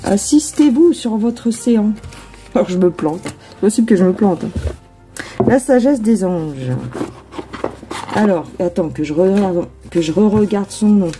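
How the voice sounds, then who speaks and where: A woman's voice: fairly low pitch, a little slow, long pauses, over music. A woman tarot reader chatting casually before a reading, rambling with many hesitations and asides to herself.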